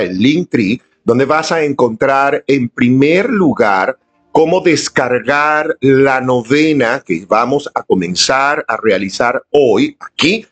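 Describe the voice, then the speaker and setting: A man leading a live-streamed devotional prayer, speaking earnestly and inviting his viewers to join in. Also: medium pitch. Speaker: prayer leader. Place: indoors at home, filming on a camera.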